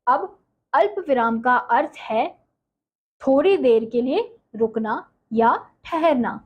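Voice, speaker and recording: A woman teaching a Hindi grammar class, explaining slowly, repeating points and asking the pupils questions that she then answers herself. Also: high voice, animated, rough recording. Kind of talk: online class lesson.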